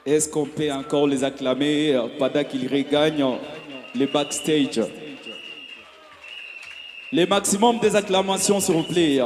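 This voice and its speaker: A man's voice: a little high, measured pace, long pauses, a little mellow. A man hosting a live event, calling on the audience to cheer the performers. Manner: rallying the crowd to cheer. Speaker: emcee. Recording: echoey hall, faint noise.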